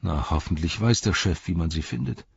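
A man's voice: low-pitched, brisk, creaky, slightly rough, no echo, lo-fi sound, exaggerated voice. A man doing a weary, stubborn hobbit. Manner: defiant, dogged.

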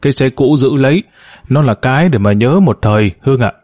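A man voicing a gruff, bossy older businessman in a spoken story. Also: medium pitch, expressive, brisk, a little mellow, no room sound, studio quality, natural voice.

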